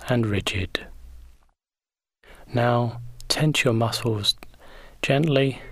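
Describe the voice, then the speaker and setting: A man leading a guided progressive muscle relaxation in slow, gentle, soothing instructions. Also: mid-range voice, no echo.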